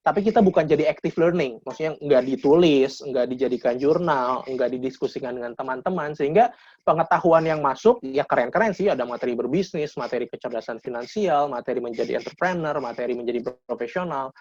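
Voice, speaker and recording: A guest speaker in his thirties gives a casual webinar talk to young people, lecturing informally and often restarting his sentences. His medium-pitched, darkish voice moves a little fast, and the video call audio sounds dry, dull, and lo-fi.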